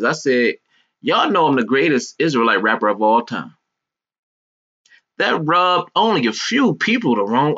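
A man's voice: a little high, bright, forceful tone, muffled recording. An American man giving an informal sermon in colloquial, streetwise speech, emphatic and repeating phrases for effect. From United States. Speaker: preacher. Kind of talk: informal sermon with scripture reading.

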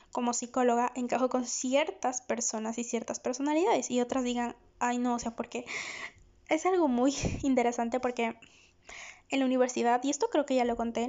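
A woman's voice: a little high, darkish tone. A woman psychologist hosting a podcast in a candid, chatty monologue, often laughing. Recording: dull lo-fi recording.

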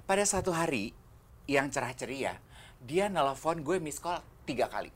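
A man's voice: a little high, normal speed. Male podcast co-host, chatty storyteller who plays out the voices in his anecdotes. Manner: animated storyteller who acts out the other people in his stories. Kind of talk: casual chat.

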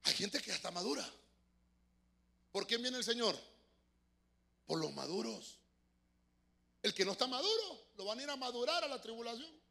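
A man preaching a fervent sermon in church, swinging from shouts to soft asides. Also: very high-pitched, lively intonation, normal speed, vocal fry, pauses often. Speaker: pastor.

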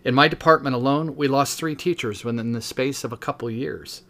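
A teacher in his fifties who hosts a podcast reads from his own book at a steady pace, stopping now and then for brief spoken asides. His voice is medium in pitch and a little fast.

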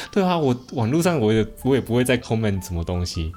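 A man co-hosting a casual podcast chat, speaking in a hesitant, soft-spoken way and mixing English words into his sentences. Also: mid-range voice, big pitch swings, brisk, soft background music.

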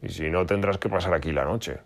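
Lobo macho práctico y campechano de cuento, hecho por el narrador. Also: male voice, low-pitched, fairly quick. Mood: blunt. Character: blunt practical male wolf.

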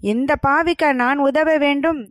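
A woman's voice: high voice, fairly even intonation, a little slow, dry recording, clean studio sound, pitched above the performer's own voice. A woman voicing a huge, scornful male warrior who mocks others, in a told story. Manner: scornful, mocking.

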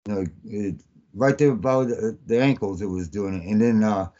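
A man calling in to a podcast, talking in a halting, rambling way with many fillers, over a phone line that keeps cutting out. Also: lowish voice, dark tone. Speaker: podcast guest on a phone call. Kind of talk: casual rambling account.

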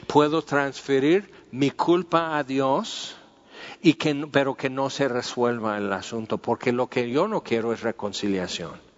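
A man teaching through a Bible passage in an informal, conversational way. He repeats himself and uses many fillers as he talks. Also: mid-range voice. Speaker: preacher. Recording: dull, lo-fi sound with long hall reverb.

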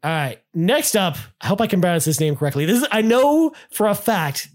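A man's voice: high voice, very animated, fairly quick. A man co-hosting a casual gaming podcast, reading out listener comments with lots of enthusiastic restarts. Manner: enthusiastic, many restarts and "I mean". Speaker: podcast co-host.

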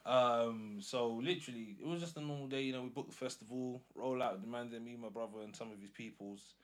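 A man with a London roadman accent, casually telling an animated story in slang and acting out the dialogue. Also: medium pitch, fast talker. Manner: slangy, acts out quoted dialogue.

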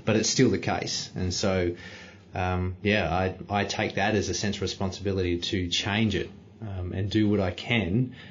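Thoughtful man, low voice. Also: lo-fi sound. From Australia. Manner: thoughtful, searching for words, many fillers. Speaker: guest. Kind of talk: reflective storytelling.

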